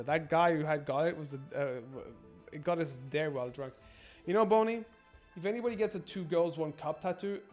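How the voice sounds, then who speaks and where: A fairly high-voiced man streaming a colony sim game, talking casually, swearing constantly and tripping over his words. Faint game music plays underneath. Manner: profane, rambling, stammers and repeats himself. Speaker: gaming streamer. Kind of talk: casual gameplay commentary.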